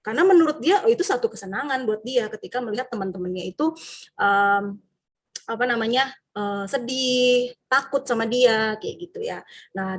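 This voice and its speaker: A woman teacher from Indonesia, giving a lively workshop talk to fellow teachers and acting out student and teacher voices. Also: mid-range voice, husky. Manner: frequent tag questions.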